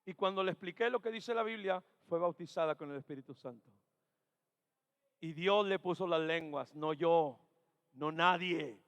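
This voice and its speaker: A man preaching a Pentecostal sermon as pastor, dropping to quiet murmurs, then rising to shouted exhortations, and repeating key phrases. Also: fairly high pitch, moderate pace, smooth, dull audio. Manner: acts out doubting churchgoers' questions. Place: church sanctuary. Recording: reverberant church hall.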